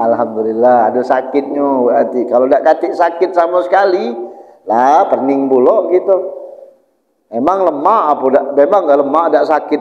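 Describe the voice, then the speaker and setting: A man with a Palembang Malay accent preaching a weekly sermon in a prayer room, telling stories and acting out the voices in them. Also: medium pitch. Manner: animated storytelling, acts out voices of angels and sinners. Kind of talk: storytelling sermon. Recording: echoey hall, muffled audio.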